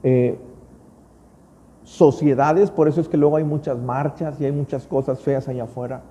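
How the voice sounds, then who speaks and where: A man's voice: mid-range voice, steady tone, moderate pace, warm tone, highs cut off. A man pastor with a Mexican accent, preaching a sermon as a storyteller who builds to emphatic peaks. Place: church. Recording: long church-hall reverb.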